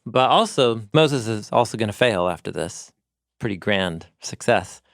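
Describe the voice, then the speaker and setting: Low-voiced man explaining in a dry studio. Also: lively intonation, measured pace, creaky, a bit bright, no echo. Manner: thoughtful, explains with paraphrased dialogue. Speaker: podcast co-host, teacher. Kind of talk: casual theological discussion.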